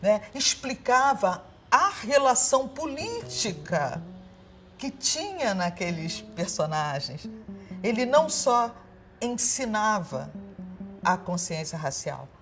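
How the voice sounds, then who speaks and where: A woman in an interview, reflecting passionately and pausing to search for words. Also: mid-range voice, very animated, a bit bright, faint music behind.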